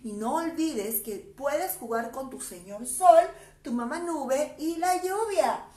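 Woman preschool teacher, bright high voice, unhurried and cheerful, echoey room. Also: expressive. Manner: cheerful, coaxing, addresses children by name. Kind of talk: online preschool lesson.

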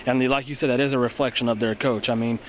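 A man's voice: medium pitch, fairly even intonation, slight background noise. A young male sports broadcaster giving earnest post-game analysis into a handheld mic in an empty arena. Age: young adult. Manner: rapid, earnest, many fillers and restarts. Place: empty indoor basketball arena. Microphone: handheld mic held by co-host.

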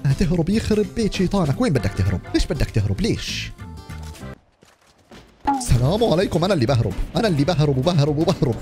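Animated high-pitched man gaming. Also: quick pace, over music. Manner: animated, laughing, shouting at the game. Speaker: gaming YouTuber. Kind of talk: excited gameplay commentary.

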